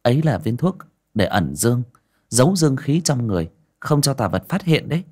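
A man voicing a calm young woman exorcist who speaks in a low, matter-of-fact way. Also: brisk, breathy edge.

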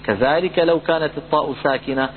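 A man teaching Quran recitation rules, patiently repeating points and slowly chanting example words. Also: a little high. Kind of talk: lesson on tajweed rules. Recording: phone-like audio with hum and reverb.

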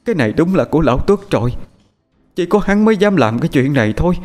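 A man's voice: very animated, fast, darkish tone, soft background music. A man putting on a wailing, sobbing village mother. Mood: wailing grief. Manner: sobbing, shrill, rising into cries. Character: grieving village mother, middle-aged woman, wailing.

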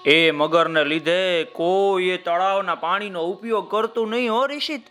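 A man telling a folk tale to children, speaking directly to the young listeners in drawn-out sing-song phrases. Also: high-pitched, bright, forceful tone. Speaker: children's storyteller. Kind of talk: children's story narration.

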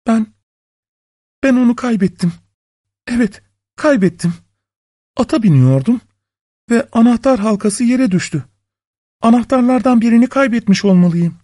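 A man voicing a frightened young wife who pleads in a high, tearful voice. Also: expressive, normal speed, pauses often, mellow, no room sound, studio quality. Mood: stammering.

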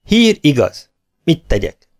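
A man's voice: a little high, huge pitch swings, darkish tone, voice pushed up. A man voicing a young English football captain, a shipowner's son, who talks eagerly and asks questions.

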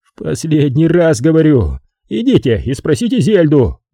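A man's voice: sits high, sing-song, moderate pace, mellow, breathy edge, dry recording, studio quality, voice pushed up, full character voice. A male audiobook narrator voicing a sulky, tired man who stubbornly pushes the problem onto someone else. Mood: grumbling. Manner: petulant and complaining.

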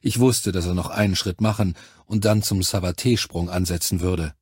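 Low husky guy reading an audiobook in first person, calm and measured, dry close sound. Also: no echo. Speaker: audiobook narrator. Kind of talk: scripted first-person narration.

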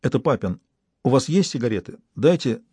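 A man voicing a terrified young bank clerk who talks in shrill, breathless pleas. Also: animated, fairly quick, dark tone, breathy edge, dry recording, clean studio sound. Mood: frightened. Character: panicking frightened young male bank clerk.

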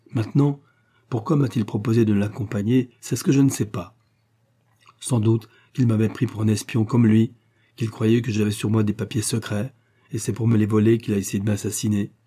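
A man voicing an eager, lively young man from the city, wounded and bedridden, in an audiobook. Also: on the low side, husky.

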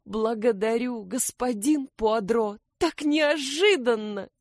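A woman's voice: on the high side, slow pace, dry recording, clean studio sound, voice pushed up. A woman voicing a fussy, tearful little male hedgehog who whines and complains. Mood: whiny. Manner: whiny, complaining.

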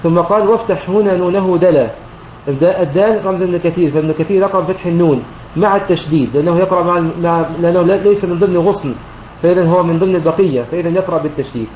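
A man, a sheikh, explains a recitation poem line by line in a methodical way, often clearing his throat and correcting himself. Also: sits high, racing, a little mellow. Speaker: sheikh teaching Quranic recitation. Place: online voice chat room. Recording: roomy, dull lo-fi online voice chat with faint noise.

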